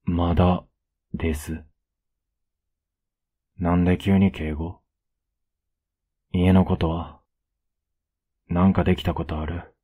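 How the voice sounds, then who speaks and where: A young man with a Kansai accent in a whispered role-play as a blunt, rough-spoken boyfriend who is caring underneath, recorded close up at home. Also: low-pitched, level tone, takes it slowly, pauses often, narrow, tinny audio. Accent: Kansai Japanese. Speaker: voice actor playing a boyfriend.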